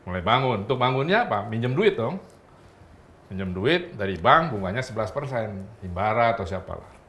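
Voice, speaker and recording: A man, a guest chatting casually on a talk show, animated and playing out quoted remarks. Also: fairly low pitch, fairly quick. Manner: animated, acts out quoted speech. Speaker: guest commentator.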